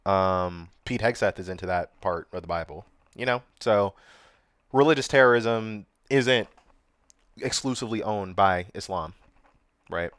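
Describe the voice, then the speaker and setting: Slangy sarcastic streamer man, low voice. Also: unhurried, fairly bright tone, clear, resonant tone, no echo. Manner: loose, slangy, sarcastic, laughs at his own jokes. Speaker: livestream commentator reacting to news clips. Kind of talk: casual streamer commentary.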